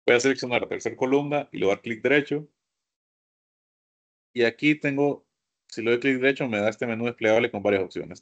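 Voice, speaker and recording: During a screen-share software lesson, a man with a medium-pitched voice takes his computer class through each step, often asking them to look. The sound quality is lo-fi.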